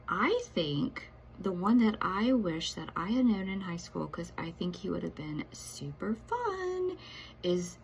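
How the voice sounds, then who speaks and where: A woman's voice: fairly low pitch, creaky, a little hiss or hum, poor audio. A woman chatting through a casual video message, often dropping to a half-whisper.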